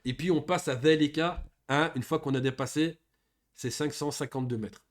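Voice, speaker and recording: A man's voice: on the high side, normal speed. A man giving a beginners' lesson, reading Arabic words aloud and patiently explaining each one in French. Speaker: Arabic teacher. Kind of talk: classroom lesson explaining grammar.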